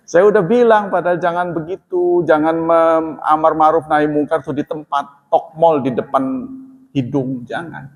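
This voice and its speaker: Preacher, fairly high voice, echoey hall. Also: male voice, fairly even intonation, normal speed, highs cut off. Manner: conversational, acts out quoted dialogue in raised voice. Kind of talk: sermon.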